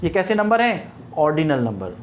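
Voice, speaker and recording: A man teaching grammar in a classroom-style lecture, explaining slowly, repeating words and spelling them letter by letter. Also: fairly high pitch, wildly swooping pitch, slight background noise.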